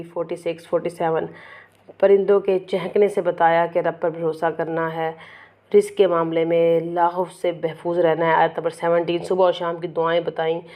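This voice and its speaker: Woman, middle-aged, earnest preacher giving a lecture; low mellow voice with a gravelly edge. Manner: earnest, exhorting, rhetorical questions. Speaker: Quran lecturer. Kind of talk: religious lecture summary.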